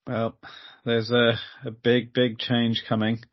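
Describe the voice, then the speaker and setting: A man hosting a podcast, talking in a relaxed way with lots of pauses and fillers. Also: mid-range voice, muffled recording. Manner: relaxed, laughing, hesitant with fillers. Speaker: podcast host. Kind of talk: casual podcast chat.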